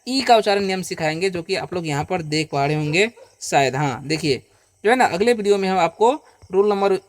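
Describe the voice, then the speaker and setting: A man's voice: high voice, animated. A man teaching English pronunciation rules in Hindi, patiently asking and answering his own questions and drawing out the example sounds. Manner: checks in with listeners with frequent "okay?" and "isn't it?"; slows down and stretches out example sounds. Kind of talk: Hindi-language pronunciation lesson.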